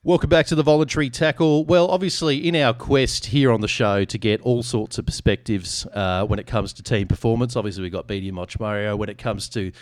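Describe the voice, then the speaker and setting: A man's voice: fairly low pitch, steady tone, brisk, hardly any pauses, soft background music. A man hosting a sports podcast in casual chat, joking and irreverent. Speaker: podcast host.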